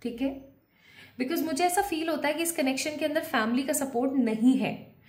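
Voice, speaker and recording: A woman's voice: high-pitched, moderate pace, a little mellow. A woman giving a collective tarot reading, explaining the cards and mixing English phrases into her Hindi as she addresses her viewers. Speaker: tarot card reader. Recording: roomy echo.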